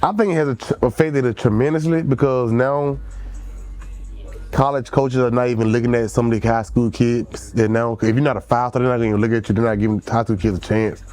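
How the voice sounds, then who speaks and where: A man's voice: medium pitch, fairly quick, soft background music. A young man, talking casually as a guest on a podcast and saying "man" a lot. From Alabama. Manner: relaxed, repeats "man" often. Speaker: guest football player.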